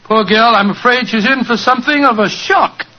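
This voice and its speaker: An actor with a British accent playing an elderly, loyal, bluff doctor sidekick in a 1940s radio drama, blustery and earnest. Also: male voice, very high voice, moderate pace, over loud music. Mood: relieved, concerned. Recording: muffled old radio recording.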